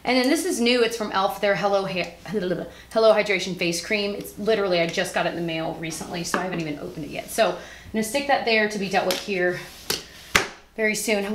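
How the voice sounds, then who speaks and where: A woman's voice: mid-range voice, fairly bright tone, a little hiss or hum. Chatty woman beauty vlogger. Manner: chatty, self-teasing, laughs often. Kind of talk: casual chat to camera.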